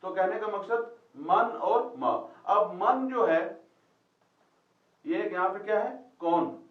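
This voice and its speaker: Heard from a distance in a classroom, a Quran Arabic teacher asks his students questions and repeats their answers. He speaks slowly in a high-pitched voice. The room is echoey and the audio dull.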